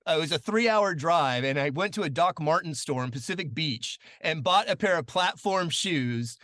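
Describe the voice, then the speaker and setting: A chatty man in his late forties tells stories as a podcast guest, his voice bright and a little high for a man. He talks loosely with lots of ums, and his voice perks up whenever he quotes someone. The sound is dry and close. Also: normal speed, no echo. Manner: chatty, many fillers, animated when quoting. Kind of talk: casual storytelling interview.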